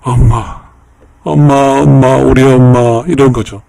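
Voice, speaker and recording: This YouTube host breaks down song lyrics in a lecture style, getting emotional and circling back to the same phrases over and over while addressing viewers politely. His medium-pitched voice is steady, unhurried and mellow with some vocal fry, captured in a dry recording.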